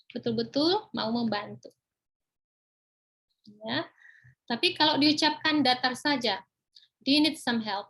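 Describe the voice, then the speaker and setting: A woman giving a pronunciation webinar lesson, dropping "ya" and "nah" into nearly every phrase and slowing down for her English example phrases. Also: fairly high pitch, a bit bright, slightly rough.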